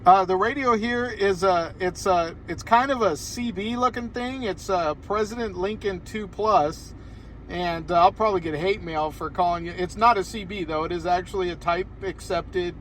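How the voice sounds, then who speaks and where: This is a relaxed ham radio conversation from an American man talking inside a car parked outdoors on a hillside, drifting a little as he goes. His high, slightly bright voice moves at a normal speed over a faint hiss or hum.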